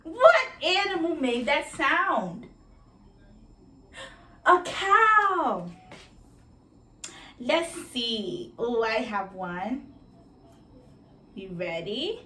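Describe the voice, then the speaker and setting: A woman's voice: fairly high pitch, very animated, drawn-out words, pushed and bright. A woman teaching young children like a kids show host, with an exaggerated, encouraging manner and simple questions. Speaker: preschool teacher leading circle time. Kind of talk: children's educational lesson, asking questions to young viewers. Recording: roomy echo, distant mic, faint noise.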